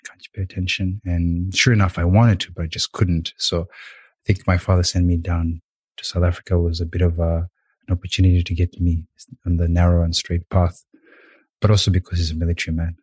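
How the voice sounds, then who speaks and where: Low, husky man from Rwanda. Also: a little mellow, dry recording. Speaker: podcast guest, yoga teacher. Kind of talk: reflective storytelling in an interview.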